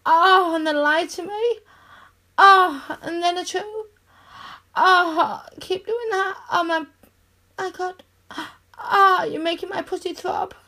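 A woman performing a scripted roleplay monologue in a teasing, commanding, dominant manner, with breathy sighs. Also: very high-pitched, steady tone, takes it slowly, pushed and bright.

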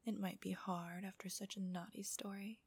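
Soft breathy whispering woman, very close. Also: mid-range voice, flat delivery, dry recording. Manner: slow, intimate, teasing. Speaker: host of erotic relaxation audios. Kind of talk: whispered ASMR audio narration for adults.

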